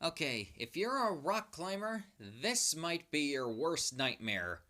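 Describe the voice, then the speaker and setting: A speaker presenting a countdown in a horror-host manner, with theatrically spooky asides and dramatic pauses. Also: mid-range voice, very animated, loud music behind the voice. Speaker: host of a top-ten creature countdown video. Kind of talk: spoken countdown commentary, semi-improvised.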